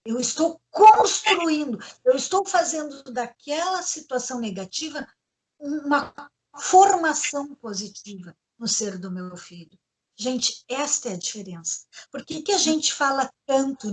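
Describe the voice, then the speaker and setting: A woman leads a parenting discussion in a high, clear voice. She speaks earnestly and instructively, often turning to address listeners directly. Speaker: host, educational psychologist.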